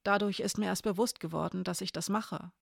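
A storyteller voicing an adult woman who speaks quietly and tenderly after crying, in a low-key way. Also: steady tone, fairly quick, vocal fry, dry recording, studio quality. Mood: earnest.

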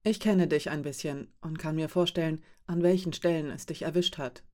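A gentle, comforting companion from a storybook, read by a woman narrator. The voice sits low and soft, patient and reassuring. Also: fairly even intonation, normal speed, lightly acted. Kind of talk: audiobook character voice.

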